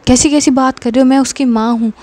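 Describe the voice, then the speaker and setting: Woman doing stern disapproving mother, sarcastic, scolding, mellow tone, storybook. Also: high-pitched, fairly even intonation, fast talker, close to an everyday voice. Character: stern, scornful mother of the heroine.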